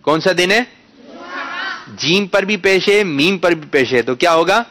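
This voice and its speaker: Bright-voiced man hosting a kids' quiz. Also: high-pitched, lively intonation, a little hiss or hum. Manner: coaxing, corrects pronunciation patiently; bursts into loud announcements. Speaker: quiz host for children. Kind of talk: studio quiz with children.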